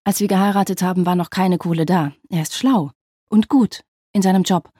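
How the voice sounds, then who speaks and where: A reader voicing a brisk, exasperated woman. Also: medium pitch, warm tone, slightly rough, no room sound, clean studio sound, close to an everyday voice. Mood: defensive. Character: married woman, a former painter, brisk and defensive.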